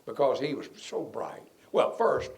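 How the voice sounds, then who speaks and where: Gravelly older man telling stories. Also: medium pitch, a little slow. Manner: rambling, relaxed storyteller who chuckles at his own stories. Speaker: defense lawyer being interviewed. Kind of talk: anecdotal interview storytelling.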